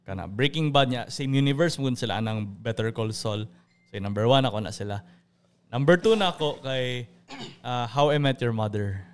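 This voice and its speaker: A young man hosts a casual podcast chat, talkative and laughing often as he mixes English into his Cebuano. His medium-pitched voice moves at a moderate pace over slight background noise.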